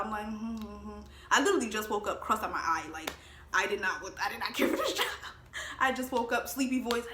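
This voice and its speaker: A woman's voice: fairly high pitch, bright, forceful tone, echoey room, a little hiss or hum. A woman in her twenties telling a casual storytime vlog, chatty and laughing, acting out the voices of the people in her story. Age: 20s. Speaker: vlogger.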